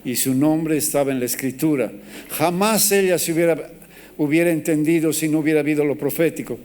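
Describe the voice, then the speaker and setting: Pastor guy preaching, smooth clear voice, kinda high, acts out little quotes. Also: a little fast. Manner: animated preaching with acted-out quotes. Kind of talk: sermon.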